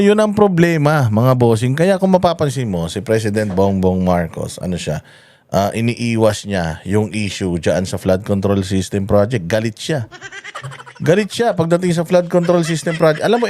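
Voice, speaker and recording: A man talks through the day's politics in a loose, conversational way. He chuckles often as he goes. His voice sits at an ordinary middle pitch, with a faint hiss underneath. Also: sing-song, normal speed, warm tone. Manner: chatty, chuckling, swinging pitch. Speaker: political commentary vlogger. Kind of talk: casual political commentary.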